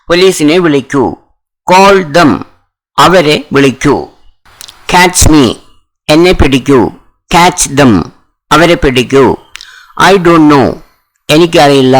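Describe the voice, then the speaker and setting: A man's voice: fairly high pitch, fairly bright tone, low-quality recording. A man with a Malayali accent teaching spoken English, reading short commands one at a time, each followed by its translation. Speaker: language teacher. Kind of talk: slow, deliberate phrase-by-phrase reading.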